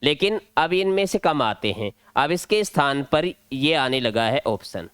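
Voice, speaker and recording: Man teaching exam grammar, Rajasthani accent, slightly high voice, smooth, dry close sound. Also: animated, measured pace, fairly bright tone, dry recording. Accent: Rajasthani Hindi. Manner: step-by-step explaining, drilling points. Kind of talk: exam-prep grammar lesson at a board.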